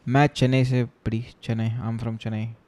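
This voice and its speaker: A young man from Chennai talks through his coding on a live stream. He chats and jokes with his viewers, switching freely between Hindi and English tech words. His voice is mellow and dark, set at an ordinary middle pitch. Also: flat delivery, normal speed. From Chennai, India. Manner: chatty and joking, reading viewer chat aloud and answering it. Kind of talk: casual live-stream chat while coding.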